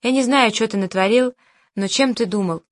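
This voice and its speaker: A woman reading the part of an older male producer who hectors and bullies in crude, rough speech, in a dry recording. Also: a little high, moderate pace, dry recording, close to an everyday voice. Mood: ranting. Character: older male producer, loud, bullying and hysterical.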